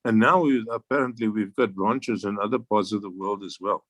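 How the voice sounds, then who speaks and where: An older South African man, an air force veteran appearing as an interview guest, talks in a lowish, brisk voice with a fairly bright tone on a dry recording. His relaxed reminiscing rambles, full of restarts and chuckles.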